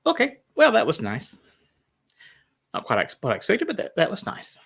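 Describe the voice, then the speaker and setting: Man, pastor, bright tense voice, somewhat high, chatty rambling livestream talk. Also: wildly swooping pitch, moderate pace, vocal fry, breathy edge. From United States. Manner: chatty and rambling, with restarts and laughs. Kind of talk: casual livestream Bible study talk. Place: small church parlor room.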